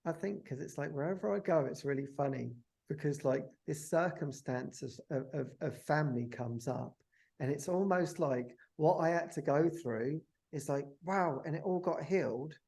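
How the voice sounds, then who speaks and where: A man speaks as a podcast guest and reflects in a loose, wandering way. His voice is gravelly and dark in tone. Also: a little high, normal speed. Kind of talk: conversational interview.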